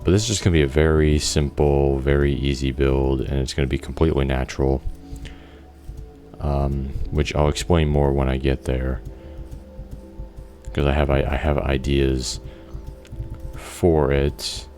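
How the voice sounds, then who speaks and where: Male gameplay commentator, extremely deep voice, loose casual rambling, occasional swearing. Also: flat delivery, a little slow, pauses often, warm tone, soft background music. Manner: rambling, thinks aloud, frequent restarts and fillers. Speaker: gameplay video creator.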